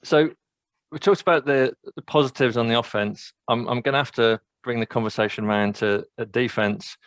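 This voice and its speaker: A man with a mid-pitched voice hosting a casual podcast interview. He steers the talk with measured questions, full of filler words, recorded dry and close. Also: dry recording. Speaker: podcast host.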